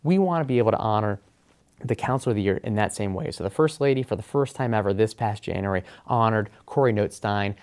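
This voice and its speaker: A man's voice: lowish voice, fast talker, clear, resonant tone. Earnest man explaining policy. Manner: earnest, explanatory, frequent "um" and "you know". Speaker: education policy official. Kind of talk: interview answers in a webinar.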